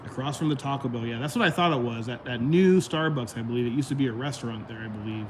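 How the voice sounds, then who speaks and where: A man's voice: mid-range voice, fast, background noise. A man hosting a casual livestream, rambling and chatting straight to his viewers, his voice going out. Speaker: livestream host.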